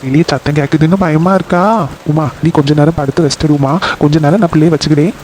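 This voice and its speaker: A voice actor playing a calm, caring young father in a cartoon, reassuring his wife. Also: medium pitch, fast talker, a little hiss or hum, natural voice. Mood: tender. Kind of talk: cartoon voice acting.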